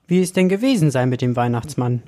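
A man's voice: medium pitch, lively intonation, fast, warm tone, pitched above the performer's own voice, close to an everyday voice. A man voicing a curious young boy who keeps asking eager questions in a storybook reading.

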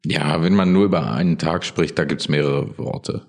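A man's voice: a bass voice, normal speed. A young man co-hosting a casual podcast chat, making dry, laid-back remarks. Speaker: podcast co-host.

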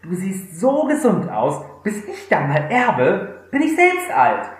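A man's voice: high-pitched, wildly swooping pitch, takes it slowly, voice pushed up, exaggerated voice. A man reading aloud who voices a desperate, remorseful young son, recorded in a very echoey room. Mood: impatient.

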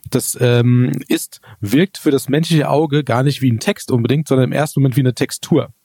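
A man co-hosting a German tech podcast, telling stories in a relaxed way with many fillers. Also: medium pitch, moderate pace, slightly rough, no room sound. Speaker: podcast co-host. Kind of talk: casual tech chat.

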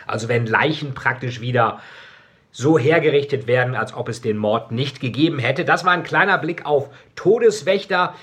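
A man with a slightly husky, breathy tone reads from a novel he wrote himself. His delivery is slow and measured, with pauses that let each phrase land. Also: medium pitch, fairly bright tone. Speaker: author. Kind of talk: reading his own novel aloud, then commenting.

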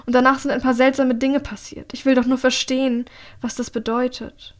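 A woman reading an audiobook, voicing an urgent young woman who pleads in hushed, half-whispered tones. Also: sits high, flat delivery, a little fast, close to an everyday voice.

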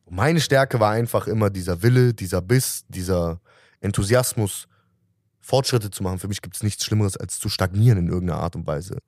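Earnest low-voiced man, dry close sound. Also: brisk, a little mellow, dry recording. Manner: reflective, earnest, restarts often. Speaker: musician guest. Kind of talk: casual interview talk.

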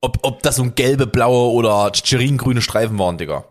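A man's voice: medium pitch, moderate pace. A young man co-hosting a casual podcast, laid-back and slangy, guessing at quiz answers. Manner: slangy and laid-back, calls his friend "Digga", "Alter" and "Bruder". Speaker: podcast co-host, quiz contestant. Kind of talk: casual chat.

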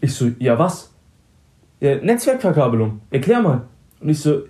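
A man's voice: fairly high pitch, sing-song, moderate pace, dark tone. A young man in casual chat, telling a story in slang and acting out both sides of a conversation.

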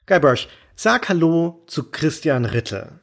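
A man's voice: on the high side, very animated, slow, gravelly, fairly bright tone. A man hosting comedic scripted banter, playful and mock-exasperated. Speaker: host.

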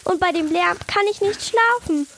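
A woman's voice: very high-pitched, moderate pace, fairly bright tone, slight background noise. A woman voicing a tired, anxious little dormouse in a children's audio story. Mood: fretful. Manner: whiny, fretful.

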